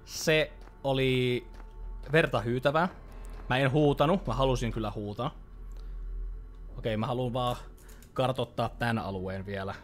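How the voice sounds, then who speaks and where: A man's voice: medium pitch, steady tone, long pauses, soft background music. A young Finnish man commentating a horror game as he plays, chatty and easily startled, swearing when scared. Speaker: let's play host. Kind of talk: live gameplay commentary.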